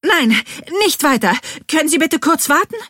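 Woman voicing a shrill, flustered young woman. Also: expressive, a bit bright, dry recording, studio quality. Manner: shrill, hurried.

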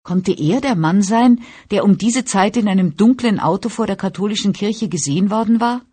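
A woman reading a crime novel aloud as an audiobook narrator in an even storytelling manner. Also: medium pitch, normal speed, breathy edge. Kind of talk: scripted narration.

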